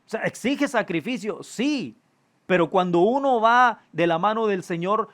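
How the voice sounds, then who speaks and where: A man preaching a sermon, earnest, calling his listeners brother, often halting with fillers and restarts. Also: high voice, expressive, a bit bright.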